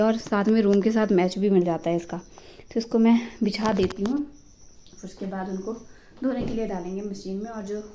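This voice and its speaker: A woman's voice: mid-range voice, mellow, dull audio, a little hiss or hum. Chatty young woman vlogging at home. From Himachal Pradesh, India. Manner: chatty and affectionate, talking to the viewers while doing chores. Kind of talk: casual home vlog chat. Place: home, indoors.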